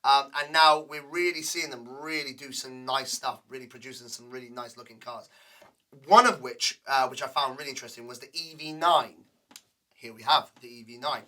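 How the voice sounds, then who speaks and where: A man's voice: medium pitch, normal speed, sharp tone, far from the mic. A man co-hosting a casual studio chat show, chatty and rambling, leaning on "you know" and "um". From England. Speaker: co-host.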